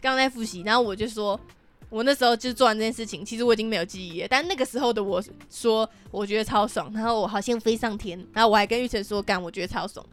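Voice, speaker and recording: A woman's voice: a little high, fast talker, soft background music. A young woman hosting a podcast, telling stories bluntly with swearing and laughter. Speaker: podcast host. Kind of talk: casual storytelling chat.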